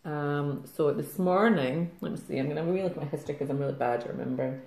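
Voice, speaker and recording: A middle-aged Scottish woman chatting casually to camera in a fast, rambling way, laughing often. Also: sits low, gravelly, a little mellow. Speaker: craft vlogger. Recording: roomy echo.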